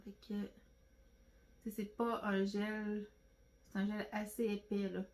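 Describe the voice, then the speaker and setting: Chatty Québécois woman with a flat, dark voice. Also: mid-range voice, unhurried, low-quality recording. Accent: Québécois French. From Quebec, Canada. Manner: chatty, rambling, many fillers and restarts. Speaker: nail beauty vlogger. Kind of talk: casual product haul chat.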